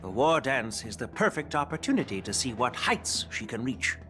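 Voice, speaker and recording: A jovial old swordmaster general in a game. His mid-pitched voice swings widely in an avuncular, theatrical way, with faint music behind him. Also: very animated, normal speed, a bit bright. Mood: encouraging. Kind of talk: game cutscene voice acting.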